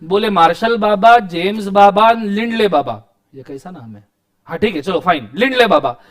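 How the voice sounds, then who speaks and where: A young man lectures on law in a very high, bright-sounding voice. He teaches with jokes and theatrical asides, mocking and praising as he explains. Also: lively intonation, moderate pace. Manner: joking, theatrical teaching with mock sayings. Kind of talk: classroom lecture.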